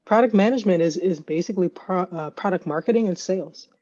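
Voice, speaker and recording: A woman guest, an AI ethicist, talking casually in an interview and telling lively stories, laughing often and acting out quotes. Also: fairly low pitch, fast, lo-fi sound. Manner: animated storyteller, laughs often, acts out quotes.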